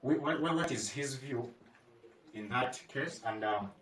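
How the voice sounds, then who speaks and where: A man's voice: mid-range voice, takes it slowly, a bit bright. A man, a TV presenter asking polite, somewhat hesitant interview questions. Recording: echoey room, mic at a distance.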